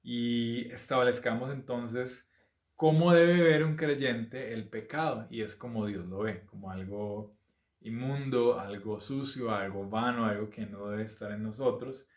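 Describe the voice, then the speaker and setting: A male preacher delivers a sermon at a medium pitch, and the voice rings around an echoey room. He reads scripture aloud with lifting emphasis, then explains it in a plain teaching tone and stops to ask rhetorical questions. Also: unhurried. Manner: frequent fillers and restarts, asks rhetorical questions.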